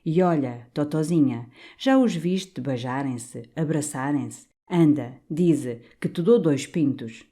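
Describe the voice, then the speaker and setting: A woman's voice: low-pitched, slow, hardly any pauses, warm tone. A woman voicing an old, stout, blustering canon priest who bellows in outrage, for an audiobook. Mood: coaxing.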